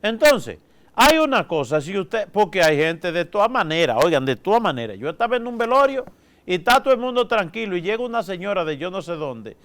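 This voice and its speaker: A priest with a Dominican accent preaches in a casual, down-to-earth way. His voice is high for a man and full of swings in pitch. The tone is clean and resonant, and he keeps turning to the listeners with short asides. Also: brisk. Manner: lively, folksy, peppers speech with "¿verdad?" and "oiga". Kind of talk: colloquial preaching.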